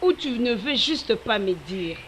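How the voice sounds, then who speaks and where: A nosy, meddling friend who pries and lectures. Her voice sits high and bounces around a lot. It is delivered as dubbed film acting. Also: animated, a little slow, slight background noise. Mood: prying. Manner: prying, lecturing.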